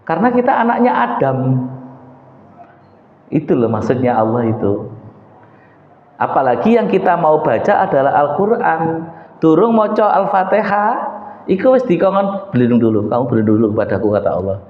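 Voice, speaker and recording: A man with a Javanese accent giving a religious study talk as a preacher, drilling the sounds of letters slowly and deliberately. His voice swings high and low, recorded in a large hall. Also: sing-song. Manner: slow and deliberate, voice rising and falling sharply. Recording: echoey hall, dull lo-fi sound.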